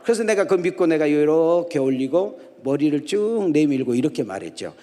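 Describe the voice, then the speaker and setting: A man's voice: a little high, very animated, a little fast, mellow. A middle-aged man preaching a sermon as a guest pastor. He tells funny stories and keeps quizzing the congregation with call-and-response questions. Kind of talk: humorous storytelling sermon. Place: large church sanctuary at a dawn prayer service. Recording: echoey church hall reverb.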